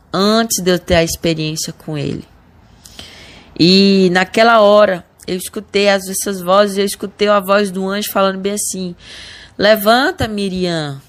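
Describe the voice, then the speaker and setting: A woman with a Brazilian accent giving an earnest spoken religious testimony, often restarting and repeating words. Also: medium pitch. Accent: Brazilian Portuguese. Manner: earnest, addresses listeners as brothers. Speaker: church member giving testimony.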